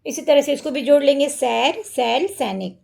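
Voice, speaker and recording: A woman's voice: high voice, normal speed, gravelly, a little mellow. A woman teacher explaining a children's workbook lesson step by step.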